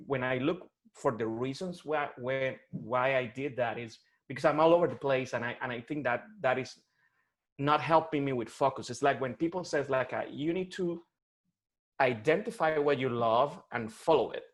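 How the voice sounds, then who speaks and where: In a one-on-one coaching video call, the client, a Colombian man in his forties with a Colombian Spanish accent, hesitates and restarts frequently. His voice is medium-pitched.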